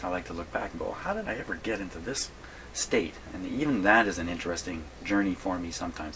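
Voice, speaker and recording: An older man with a low voice speaks over noticeable background noise, casually thinking aloud as though demonstrating at a workbench. He's a vintage radio repair hobbyist presenting a video from an indoor radio repair workshop, and his folksy, rambling delivery carries a self-deprecating streak. His tone is sharp and the audio is poor.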